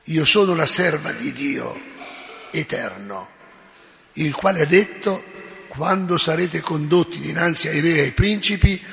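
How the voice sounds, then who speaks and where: Man doing a steadfast young woman, solemn and firm, bright voice, echoey hall. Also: on the high side, lively intonation, a little slow, gravelly, exaggerated voice.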